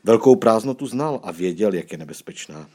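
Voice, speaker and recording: A man reads a children's chapter book aloud in a low, husky voice. His storytelling is expressive, and he rises and falls with the action. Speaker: audiobook narrator. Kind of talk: scripted audiobook narration.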